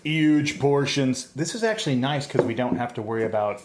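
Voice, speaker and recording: A man's voice: mid-range voice, normal speed, reverberant, background noise. A man co-hosting a casual podcast at home, joking with his co-host and plugging local spots. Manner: jokey, banters and plugs local spots. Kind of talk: casual chat. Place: home, room with pets.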